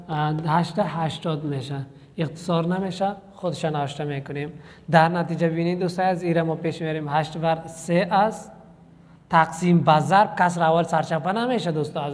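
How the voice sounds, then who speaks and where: A man's voice: a little high, long reverb tail. A man teaching a math lesson, talking students through worked examples step by step in an encouraging way.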